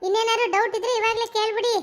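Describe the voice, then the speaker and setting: A woman voicing a sharp-tongued, fed-up young daughter-in-law in a cartoon comedy, snapping back in exasperation. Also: very high-pitched, little pitch movement, racing. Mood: exasperated.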